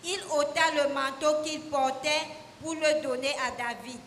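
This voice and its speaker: A woman reading scripture aloud in a steady, measured way during a church service. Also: sits high. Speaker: scripture reader. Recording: echoey hall with faint hiss.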